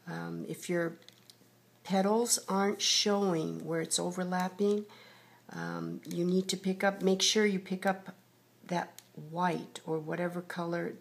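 A woman with a slightly low, husky voice teaches painting in the manner of a TV painting instructor. She talks through each step patiently and unhurriedly as she works. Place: indoors at a table.

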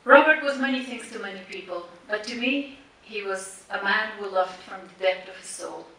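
A woman who speaks Persian as her first language stands on a large cinema stage introducing a tribute screening, delivering a prepared memorial speech at a stand mic. Her mid-range voice has a sharp tone, and she pauses deliberately between listed words. A distant camera in the audience captures it, so the sound is echoey and far off with faint hiss.

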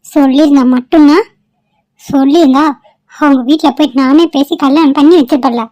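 A woman's voice: high voice, steady tone, moderate pace, warm tone, no room sound, natural voice, low-quality recording. A woman voicing a middle-aged village mother in a cartoon, scolding and sarcastic toward her son. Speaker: mother of the groom. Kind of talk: cartoon voice acting.

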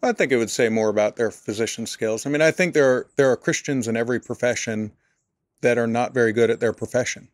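A man's voice: mid-range voice, quick pace, no room sound, clean studio sound. A man, a pastor, answering interview questions in an earnest, thoughtful way, often restarting his sentences. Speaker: pastor and area director, podcast guest.

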